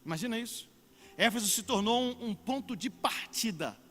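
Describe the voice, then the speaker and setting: A man preaching as a pastor at a church service, swelling loudly for emphasis and drawing out words. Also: high-pitched, animated, normal speed, long reverb tail, a little hiss or hum. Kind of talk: sermon.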